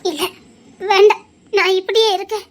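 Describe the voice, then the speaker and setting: A woman voicing a stubborn young pregnant wife who accuses her husband, tearful and shrill, in an audio drama. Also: fairly even intonation, normal speed. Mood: bitter.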